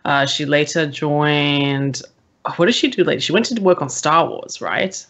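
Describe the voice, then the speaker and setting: A woman's voice: low-pitched, moderate pace, a bit bright. A woman co-hosting an esports talk show, chatty and self-mocking in casual panel chat. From Australia.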